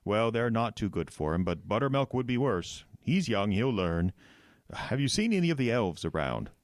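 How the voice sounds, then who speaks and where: An actor playing a kindly, weary old Santa Claus in a folksy radio comedy drama. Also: male voice, on the low side, sing-song, normal speed, no echo, studio quality.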